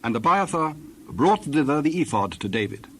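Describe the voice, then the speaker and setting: A man's voice: on the high side, big pitch swings, normal speed, a bit bright. Solemn male scripture narrator, noisy backdrop.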